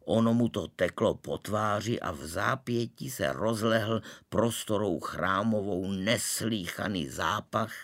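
Storybook narrator, male, expressive and animated reading. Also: low voice, creaky, no echo. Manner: lively, expressive.

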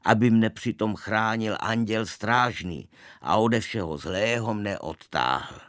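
A man's voice: lowish voice, fairly bright tone, no room sound, clean studio sound, lightly acted. A man reading the part of a proud, boastful young village boy in a storybook tale, his tone plain and matter-of-fact.

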